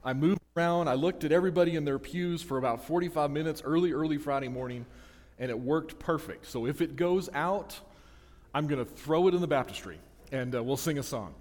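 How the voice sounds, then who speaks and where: In a church sanctuary, a man preaches a casual, self-deprecating sermon to his congregation, frequently restarting sentences. His voice is fairly high with a darkish tone and a slightly fast pace. A handheld or stand microphone captures it, and the recording carries long church reverb.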